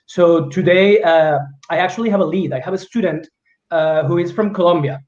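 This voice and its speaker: A man working as an education agent, putting formal, courteous questions to an instructor over a video call. His voice sits a little high. The audio sounds roomy and muffled, and he pauses now and then to find his words. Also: a little mellow. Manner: polite, formal, searching for words.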